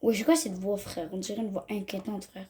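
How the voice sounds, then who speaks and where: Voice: mid-range voice, flat delivery, a little fast, darkish tone. A young gamer, chatting casually to viewers over a let's-play in slangy talk. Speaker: gaming video host. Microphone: phone.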